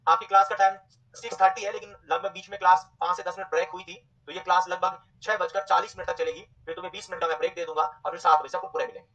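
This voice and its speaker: A man teaching a nursing exam class, repeating terms slowly and quizzing his students. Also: high voice, steady tone, sharp tone, distant mic, highs cut off. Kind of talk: online exam coaching lecture.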